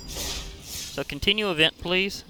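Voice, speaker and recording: A man talks through his moves in a digital card game, chatty and quick to laugh as he thinks aloud. His voice sits a little higher than most men's. Clear music plays behind him. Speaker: gaming channel host. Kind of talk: casual gameplay commentary.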